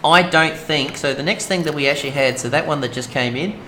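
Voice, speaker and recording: A man's voice: fairly high pitch, fairly quick, pushed and bright. A man with an Australian accent giving casual, rambling let's-play commentary as a game streamer. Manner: chatty, rambling, many fillers. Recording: noisy home stream audio.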